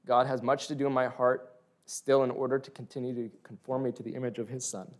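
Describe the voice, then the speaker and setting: A man's voice: mid-range voice, little pitch movement, fairly quick. A man reading a prepared religious testimony aloud, including scripture. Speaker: speaker sharing testimony.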